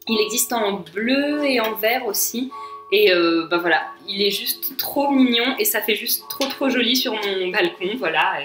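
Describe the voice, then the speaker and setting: A chatty young woman from France, raising her fairly high voice with excitement as she talks through her favourite things. Her casual vlog talk carries some echo from the room, with faint music underneath. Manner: chatty, enthusiastic, many fillers and trailing asides. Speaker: vlogger. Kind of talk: casual chat.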